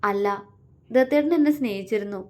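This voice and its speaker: A woman voicing an emotional young wife in a love story, speaking earnestly in a high voice. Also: brisk, warm tone, close to an everyday voice. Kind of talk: storytelling dialogue.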